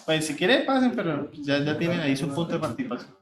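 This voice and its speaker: Teacher explaining in a roomy classroom. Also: male voice, fairly high pitch, big pitch swings, fast talker, crowd noise. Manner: patient, explanatory, asks rhetorical questions. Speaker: university teacher. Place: classroom with hybrid online students. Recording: roomy classroom audio from a distance.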